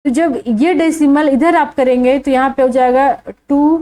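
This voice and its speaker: A woman with a high voice teaches a maths lesson step by step. She keeps asking the viewer questions and then answers them herself. Her delivery is slow and deliberate. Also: fairly even intonation, mellow, rough recording.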